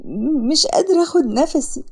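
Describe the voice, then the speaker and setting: A woman's voice: high voice, quick pace, dark tone, voice pushed up, close to an everyday voice. A woman voicing a frightened, poor young woman with an Egyptian accent, pleading and tearful in a storybook narration. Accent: Egyptian Arabic.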